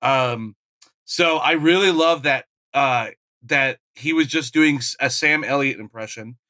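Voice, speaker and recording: A man's voice: medium pitch, a little slow, sharp tone, no room sound. A man co-hosting a comedy podcast, chatting casually and enthusiastically, laughing often. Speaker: podcast co-host. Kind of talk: casual chat.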